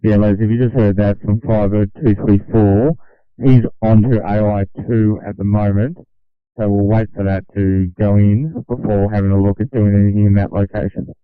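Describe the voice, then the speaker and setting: Low, clear man coordinating over tinny radio. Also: fairly even intonation, moderate pace, no echo. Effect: two-way radio. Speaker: coast control radio coordinator. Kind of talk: unscripted operational radio instructions. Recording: narrow-band dry radio transmission.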